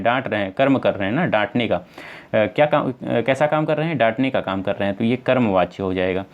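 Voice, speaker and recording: A man's voice: mid-range voice, phone-quality sound. Male exam tutor, North Indian Hindi accent, patient step-by-step explainer. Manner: explains step by step, asks and answers own questions; addresses viewers as friends, many fillers. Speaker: teacher. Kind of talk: exam-prep lesson.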